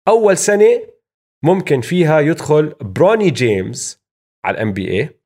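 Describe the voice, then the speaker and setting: A man's voice: a little high, animated, brisk, a little mellow. A man with a Levantine Arabic accent hosting casual sports commentary, dropping English terms into his speech. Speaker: sports show host. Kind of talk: casual basketball news commentary.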